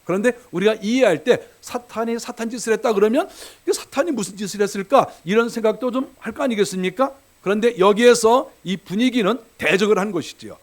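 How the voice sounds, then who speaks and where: A man preaching a sermon as pastor, animated, acting out quoted voices and swinging between loud and quiet. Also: high voice, a little fast, hardly any pauses. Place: church sanctuary.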